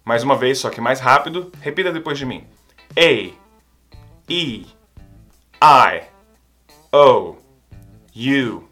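Professor brasileiro calmo e pausado. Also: male voice, mid-range voice, soft background music. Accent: Brazilian Portuguese. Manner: patient, repeats sounds slowly for the learner to copy. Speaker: English teacher. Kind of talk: language lesson.

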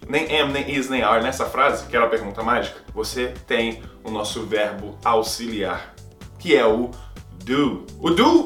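A man with a Brazilian Portuguese accent teaching English in a lively, playful way, asking and answering his own questions. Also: mid-range voice. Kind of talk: explanatory video lesson. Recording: roomy echo, faint music.

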